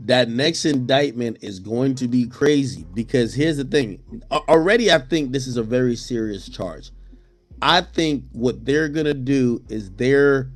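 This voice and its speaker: A man in a casual online audio chat, explaining a legal situation step by step with frequent restarts. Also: medium pitch. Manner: explains step by step, many restarts, laughs easily. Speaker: commentator.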